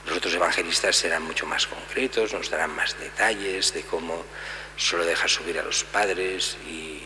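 A middle-aged priest preaches from a lectern, his voice low yet bright and clear, explaining the reading patiently with frequent asides. The gooseneck mic catches a long church reverb and a faint electrical hum. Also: moderate pace. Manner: calm explanatory teaching with many asides. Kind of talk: homily at daily Mass.

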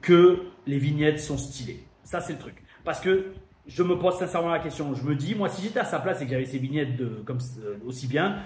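A French man hosting his wrestling show delivers a chatty, emphatic review monologue, thinking aloud as he goes. His voice is a little high and a little fast with a darkish tone, recorded in an echoey room with faint noise.

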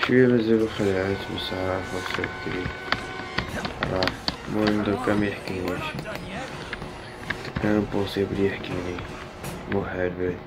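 A young man with an Algerian accent talks casually through a horror game. His voice sits fairly low. He repeats short phrases and drops in foreign words, with prominent music playing behind him. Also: poor audio. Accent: Algerian Arabic. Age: young adult. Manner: repeats words and catchphrases, mixes in English and French words. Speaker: gaming YouTuber. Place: small indoor room, gaming chair.

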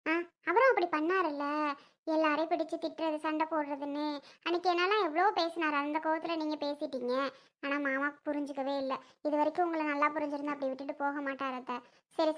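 A woman's voice: sits high, a bit bright. A woman playing an earnest young daughter-in-law. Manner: earnest, pleading, comforting. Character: kind young daughter-in-law consoling her mother-in-law. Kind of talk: family skit acting.

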